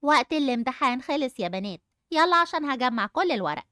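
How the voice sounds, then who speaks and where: A young female voice playing a firm grown-woman schoolteacher. She has an Egyptian Arabic accent and gives orders in a brisk, commanding way. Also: high-pitched, expressive, pushed and bright, dry recording, studio quality, voice pushed down.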